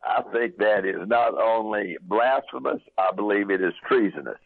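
Gravelly pastor on a phone line. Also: male voice, fairly low pitch, moderate pace, dry recording. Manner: emphatic, storytelling, with uh fillers. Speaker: pastor and radio guest. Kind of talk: call-in radio interview. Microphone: telephone.

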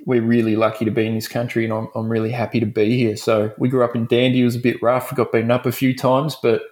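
An Australian man talks as a guest in a relaxed interview. His voice sits at a middle pitch, and he tells his stories frankly, piling up restarts as he goes. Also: fast. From Melbourne, Australia. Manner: frank, rambling storytelling. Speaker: dentist guest. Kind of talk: casual interview chat.

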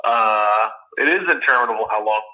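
A man's voice comes through a phone on speakerphone, very bright and sharp. He co-hosts a podcast in a casual, dry-joking way, often tripping over his own words. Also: fairly low pitch, normal speed, poor audio. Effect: heard over a phone speakerphone. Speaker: podcast co-host.

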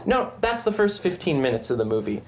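A man in casual movie chat, telling a story with laughter and loud impressions. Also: on the high side, sing-song, a little fast.

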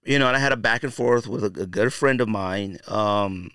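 Opinionated and blunt, a podcast host chats in a slangy, conversational way, hammering points through repetition and peppering his talk with "you know" and "man." He has a fairly low, fairly bright, clean-toned voice at a moderate pace, recorded studio-clean with no room sound.

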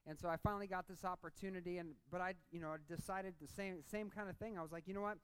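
A man preaching a sermon with passion and repeated phrases, then telling a personal story in a relaxed, chatty way. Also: high-pitched, fast, clear, resonant tone, low-quality recording. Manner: impassioned preaching that turns into casual storytelling; repeats phrases for emphasis, rising and dropping in force. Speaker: pastor.

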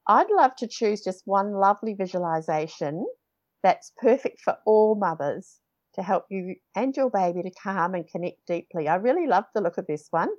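A woman's voice: mid-range voice, lively intonation, normal speed, darkish tone. Chatty woman podcast host, slightly dull audio. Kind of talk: casual conversational interview.

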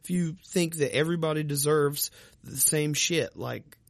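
Gravelly man rambling with heavy swearing. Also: a little high, normal speed, no echo. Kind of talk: profane casual chat.

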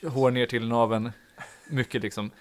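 A man's voice: mid-range voice, fairly even intonation. A young man hosting a podcast, casually telling a long anecdote in a rambling way, full of fillers and laughing at his own story. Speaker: podcast host.

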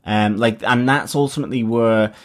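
A man's voice: mid-range voice, fairly even intonation, moderate pace. A man, co-hosting a casual chat and working through his thoughts with many restarts. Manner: hesitant, restarts often, thoughtful. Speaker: podcast co-host.

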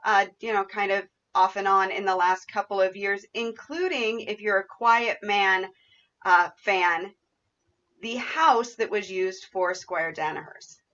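Lady podcast host chatting with a guest, normal pitch, bit of a muffled recording. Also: measured pace, fairly bright tone. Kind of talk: conversational interview hosting.

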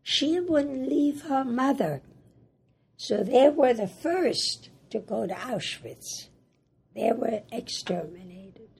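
Slow, raspy older German-born woman. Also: fairly high pitch, darkish tone. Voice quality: raspy, hoarse voice. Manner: halting, plain-spoken, repeats words. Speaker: Holocaust survivor interviewee. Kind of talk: oral history interview.

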